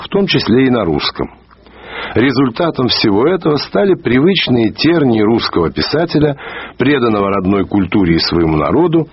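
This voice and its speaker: A man reading a literary review aloud in a measured way, slowing down to stress key words, heard on an old archive radio recording. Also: medium pitch, husky, no room sound, muffled recording. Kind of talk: read literary commentary.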